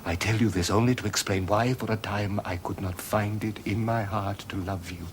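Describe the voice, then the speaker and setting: A man's voice: fairly low pitch, steady tone, normal speed, a little hiss or hum, natural voice. An actor playing an aging, earnest Roman emperor who speaks hesitantly to his son, in 1970s television drama style. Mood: pleading.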